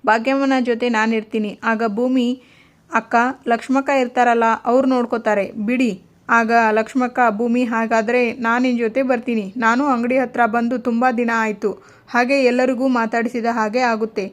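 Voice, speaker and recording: A woman's voice: on the high side, little pitch movement, moderate pace. A woman narrating a TV serial episode as a story, reading all the characters' lines in her own voice.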